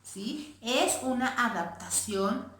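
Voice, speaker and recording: A woman primary school teacher reading a play aloud to children in an expressive way, in an echoey room. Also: a little high, slow. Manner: expressive, addressing children directly.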